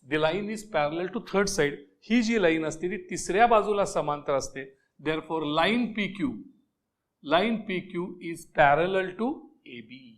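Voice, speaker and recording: A man explains a geometry lesson to his class. His voice sits high and he takes his time, repeating key phrases and checking that everyone is with him. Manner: switches between Marathi and English, repeats key phrases; keeps checking that students follow. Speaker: math teacher.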